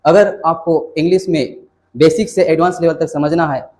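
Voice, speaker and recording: High-voiced man teaching grammar. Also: fairly even intonation, moderate pace, darkish tone. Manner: explanatory, repeats "है ना" and rhetorical questions; mixes Hindi with English terms. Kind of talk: exam-prep lecture.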